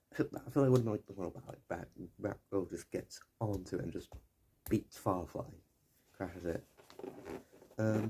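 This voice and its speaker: A young man talks through a video essay in loose, digressive commentary, stopping to correct himself and tossing in the odd swear word. His voice sits a little low and has a soft, mellow tone. A faint hiss of background noise runs under the recording. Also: vocal fry. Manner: digressive, self-correcting, mildly profane. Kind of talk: rambling casual commentary.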